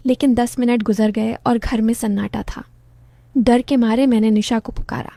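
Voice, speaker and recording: A young woman narrating a first-person story at a steady, even pace. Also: on the high side, no echo.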